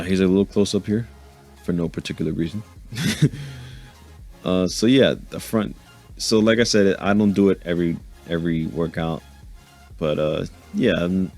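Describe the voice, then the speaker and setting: A man's voice: sits low, darkish tone. A man giving a casual, joking voice-over commentary on his own workout footage. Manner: laid-back, joking, laughs to himself. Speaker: fitness vlogger narrating his workout. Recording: voice-over with faint background music.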